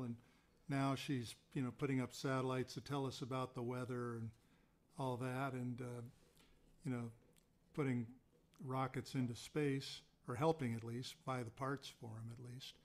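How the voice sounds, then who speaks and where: A man chatting at an online open mic, telling a rambling story full of asides before his song, over a video call. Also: medium pitch. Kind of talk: casual chat on a video call.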